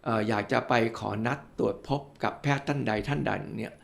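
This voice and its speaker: A man's voice: mid-range voice, brisk, creaky. An older male physician from Thailand, a guest in an interview, explaining with worked examples and politely addressing the listeners.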